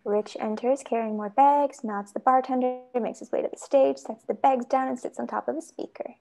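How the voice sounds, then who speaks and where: A woman's voice: high-pitched, steady tone, brisk, vocal fry, mellow, faint music behind. A woman reading stage directions aloud in a matter-of-fact way during a script read-through.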